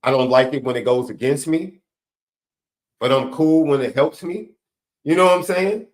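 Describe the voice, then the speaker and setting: A man co-hosting a casual sports talk show, relaxed and conversational. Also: a little high, normal speed. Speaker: co-host and recruiting analyst.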